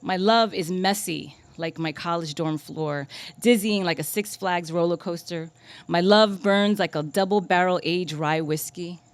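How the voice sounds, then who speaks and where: A woman poet giving a live reading at a coffee shop. She reads her poems in a deliberate, measured way and chats casually and self-deprecatingly between them. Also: fairly low pitch, smooth, no room sound.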